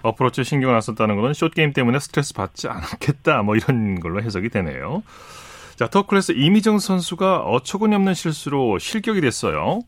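Lively male sports radio host. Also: medium pitch, brisk, dry recording. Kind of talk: broadcast interview hosting with short acknowledgements.

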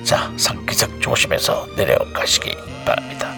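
A man's voice: fairly low pitch, huge pitch swings, normal speed, creaky, music in the background, voice pushed down, exaggerated voice. A man speaking in the voice of a male airline captain making in-flight announcements to passengers, in a formal, announcer-like delivery. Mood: courteous. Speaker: radio co-host.

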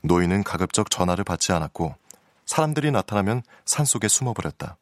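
A man's voice: low-pitched, sing-song, fast talker. A man delivering scripted literary narration as the narrator of a radio drama.

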